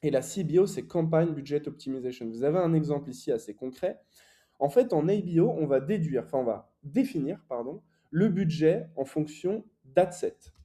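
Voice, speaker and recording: A man's voice: fairly high pitch, animated, normal speed, warm tone. A young man teaching online advertising in a casual, explanatory way, with frequent fillers and self-corrections. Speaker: e-commerce ads coach.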